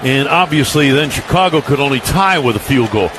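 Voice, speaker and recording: Fairly quick and medium in pitch, this man does live radio play-by-play of a football game through a noisy stadium broadcast feed. He speaks in tight, punchy phrases, and his excitement climbs with the plays.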